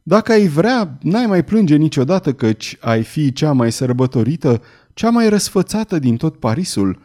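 Guy playing a pushy lovesick duke, breathless and urgent, mellow voice. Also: a little high, big pitch swings. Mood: insistent. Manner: panting, urgent. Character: insistent lovesick nobleman duke.

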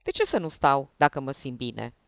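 A narrator voicing a loud, carefree, drunken lieutenant in an audiobook reading. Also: medium pitch, huge pitch swings, creaky, dry recording. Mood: rowdy. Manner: loud, swaggering, urging others to drink.

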